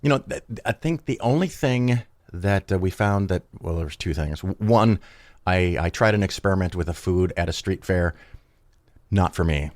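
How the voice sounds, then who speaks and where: Chatty and rambling, a man with a cold hosts his own show solo, correcting himself as he talks casually. His voice sits low and is a little mellow and animated at a normal speed, captured dry with clean studio sound.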